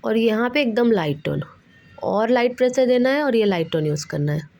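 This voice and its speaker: Woman art teacher, fairly high voice, patient step-by-step tutorial delivery. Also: lively intonation, normal speed, vocal fry, a little mellow. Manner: patient, addresses viewers as children. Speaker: drawing teacher. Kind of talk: tutorial instruction.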